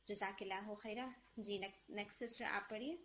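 A woman teaching Quran recitation online, gently correcting a student's pronunciation and modeling the sounds slowly. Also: medium pitch, steady tone, slight background noise. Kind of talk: online tajweed feedback. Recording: lo-fi online call audio.

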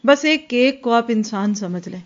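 A woman's voice: fairly high pitch, expressive. A woman giving an earnest religious lecture that explains each point and slips English words into her speech. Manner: earnest, explanatory, acts out quoted dialogue. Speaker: religious teacher. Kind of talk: Islamic lecture. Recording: dull lo-fi recording.

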